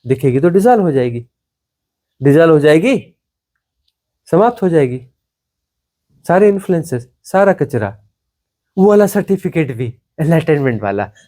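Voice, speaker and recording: A man giving a satsang discourse as a spiritual teacher, emphatic and repetitive, drawing phrases out and letting them sink to a hush. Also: a little high, animated, normal speed, pauses often.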